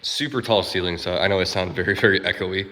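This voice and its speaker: A man's voice: sits low, quick pace, pushed and bright. A man in his forties, getting sick and losing his voice, giving a laid-back, rambling house tour with a big echoey hall sound from tall ceilings in an empty new house. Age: 40s. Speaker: vlogger. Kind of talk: casual house tour vlog.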